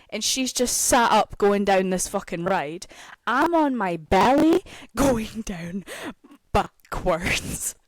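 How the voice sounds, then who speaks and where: A young woman casually telling a story on a podcast, animated and swearing freely, often checking in with "okay?". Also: medium pitch, no room sound. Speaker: podcast host.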